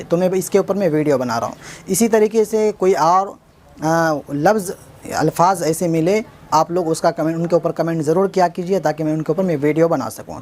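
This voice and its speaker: An Urdu writing teacher, a man with a slightly high, somewhat mellow voice, gives a step-by-step lesson over faint background noise. He spells each word letter by letter, repeats it, and asks himself "what does it become?" in a patient, repetitive way.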